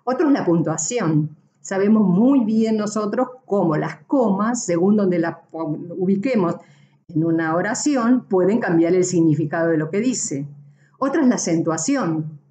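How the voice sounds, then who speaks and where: A woman's voice: medium pitch, animated, normal speed, mellow, a little hiss or hum. A woman giving a university class, explaining patiently with frequent tag questions and self-corrections. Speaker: university lecturer. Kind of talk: recorded class lecture.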